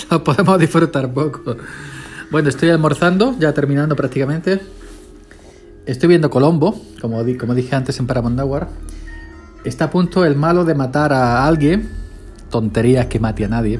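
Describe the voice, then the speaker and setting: Chatty farmhand podcaster. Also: male voice, medium pitch, normal speed, darkish tone, soft background music. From Spain. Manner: chatty, eats while talking. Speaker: podcast host, farm day laborer. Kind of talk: casual rambling podcast monologue.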